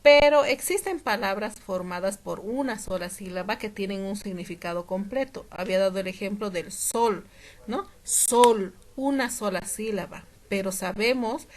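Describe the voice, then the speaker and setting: A woman teacher explaining a lesson patiently, repeating examples slowly and often checking that her students follow. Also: mid-range voice.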